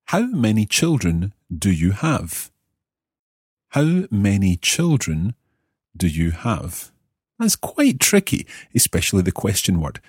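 Deep-voiced male language teacher, slow and clear. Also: a little mellow, no room sound, clean studio sound. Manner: clear, deliberate teaching delivery, slowing down for example phrases. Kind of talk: podcast language lesson.

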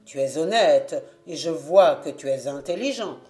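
A woman's voice: deep voice, animated, a little slow. A woman reading a storybook aloud and voicing a castle lord who questions his servant and rewards a guest. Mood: commanding. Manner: authoritative, loud. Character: commanding, kindly male castle lord.

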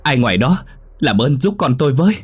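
A man's voice: deep voice, fast, breathy edge. A man voicing a distraught peasant mother who cries out desperately for her lost daughter. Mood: frantic.

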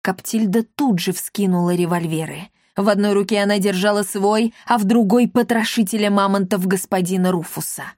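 A woman narrating a children's-style story aloud in a lively, expressive way. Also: mid-range voice, fairly quick, hardly any pauses, no echo, studio quality. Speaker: audiobook narrator.

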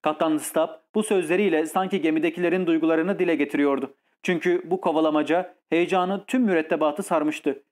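A man narrating an adventure audiobook in a steady, measured storytelling voice. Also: fairly high pitch.

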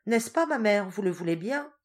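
A woman's voice: medium pitch, lively intonation, normal speed, pitched above the performer's own voice, close to an everyday voice. A woman voicing a spoiled, impetuous rich young girl in a storybook reading, who speaks in a pleading, eager way.

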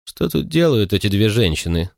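This is a cold, haughty man who brushes everyone off, as a man reads him. His voice stays low and disdainful. The reading is dry and close. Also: sing-song, moderate pace, creaky, darkish tone, dry recording.

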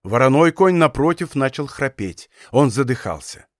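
A man narrating an adventure novel from a studio in a measured, dramatic storytelling manner, recorded on a close microphone. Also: medium pitch, animated, no echo. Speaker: audiobook narrator. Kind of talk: scripted narration.

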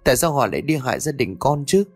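A man voicing an anxious young mother, who talks in a quick, scolding voice. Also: mid-range voice, big pitch swings, faint music behind. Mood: pleading.

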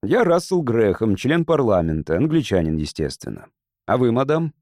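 A man's voice: medium pitch, very animated, a little mellow, no echo, studio quality, lightly acted. A man playing a determined English politician. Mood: persuasive. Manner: measured, persuasive speechmaking.

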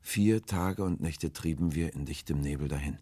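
A man with a dark, slightly rough bass voice performs an audiobook character: an elderly, frightened, starving man. His delivery is hesitant and broken, full of sorrow and hopelessness, and the recording is dry.

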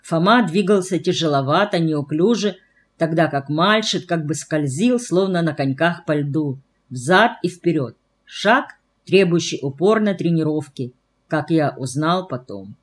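A woman's voice: low-pitched, expressive, unhurried. Woman narrating an audiobook. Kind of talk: scripted narration of a novel.

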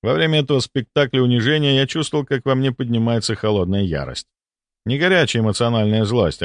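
A man narrating an audiobook in the first person with a dramatic, expressive reading on a close studio mic. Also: on the low side, no room sound.

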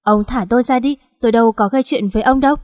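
A woman's voice: fairly high pitch, fairly even intonation, rapid-fire, a little mellow, no echo, clean studio sound, lightly acted. A woman voicing a feisty, defiant teenage schoolgirl. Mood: frightened.

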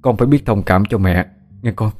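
A man voicing a gentle, fatherly male spirit who speaks in a soothing, coaxing way. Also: lowish voice, a little fast, soft background music, close to an everyday voice.

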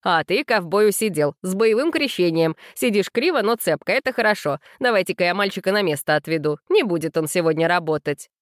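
Woman playing a bossy stable trainer, curt, scolding, brisk, dry sound. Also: fairly low pitch, lively intonation, no echo, close to an everyday voice.

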